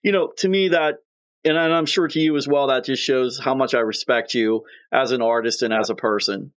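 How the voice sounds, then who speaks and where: A man's voice: mid-range voice, a little fast, clean tone. A male podcast host interviewing a guest, speaking earnestly and respectfully. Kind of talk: casual interview chat. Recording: dull lo-fi line.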